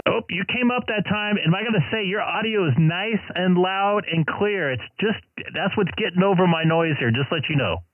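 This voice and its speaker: A man's voice: high voice, normal speed, few pauses. A man running a ham radio call from his home shack, reading call signs in phonetics and chatting between contacts. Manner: steady call-sign phonetics, relaxed chat between calls. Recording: tinny narrow radio sound, dry.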